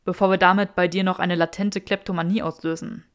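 A woman's voice: lowish voice, flat delivery, brisk, smooth, lightly acted. Draco, a smug young wizard, voiced by a woman reader. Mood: teasing. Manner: dry, mocking banter.

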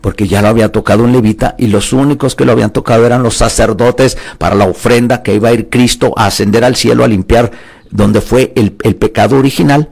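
Gravelly, husky-voiced male preacher. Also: mid-range voice, fairly even intonation, fast talker, a little mellow. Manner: emphatic, asks the listeners questions. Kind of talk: sermon with Bible reading.

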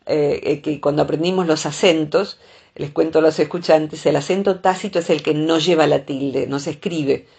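A woman with a Rioplatense Spanish accent, talking through ideas in a casual podcast chat, often pausing on "eh". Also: low voice, fairly even intonation, creaky, a little mellow, slightly rough. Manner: thoughtful, explains with many filler "eh"s.

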